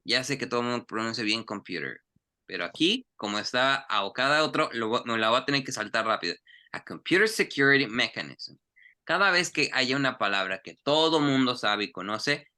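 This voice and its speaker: Bright-voiced man teaching English pronunciation. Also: lowish voice. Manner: animated, coaxing, repeats English phrases slowly. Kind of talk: online class, explaining in Spanish.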